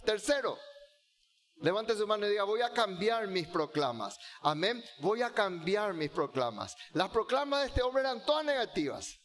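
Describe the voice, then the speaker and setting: Male pastor, high voice, fervent repetitive sermon delivery. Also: fairly bright tone. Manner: fervent preaching, repeats key phrases, has the congregation repeat lines.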